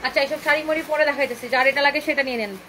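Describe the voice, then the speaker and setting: A woman hosting a live clothing sale, talking in a chatty, repetitive sales pitch, slipping English phrases in and bantering with viewers' comments. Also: fairly even intonation, rapid-fire, a bit bright, slight background noise, poor audio.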